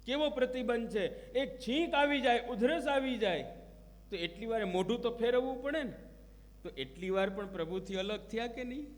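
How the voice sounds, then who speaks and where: A man's voice: extremely high pitch, animated, moderate pace. A man giving a devotional discourse, telling stories and acting out quoted prayers and dialogue. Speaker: religious preacher. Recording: long hall reverb.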